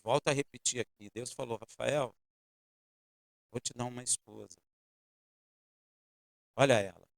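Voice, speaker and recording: Gravelly pastor preaching. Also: male voice, mid-range voice, fairly even intonation, unhurried, pauses often, dry recording, studio quality. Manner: storytelling with shifting loudness, addresses congregation directly. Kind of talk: sermon. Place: church.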